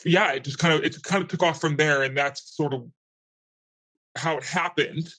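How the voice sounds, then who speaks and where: A man's voice: a little high, normal speed, pushed and bright. A man in his thirties whose voice is altered for anonymity, chatting candidly as an interview guest in loose, rambling sentences. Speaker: interviewee, meme page admin. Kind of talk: casual interview chat.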